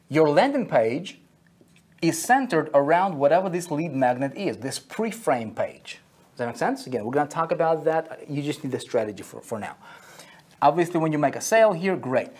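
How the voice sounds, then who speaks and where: A man with a husky, slightly breathy voice walks through a marketing lesson at a whiteboard. His pitch sits in an ordinary middle range. He keeps checking in with his listeners and repeats key phrases to drive them home. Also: darkish tone. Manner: checks in constantly with "okay?" and "right?". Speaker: online marketing instructor.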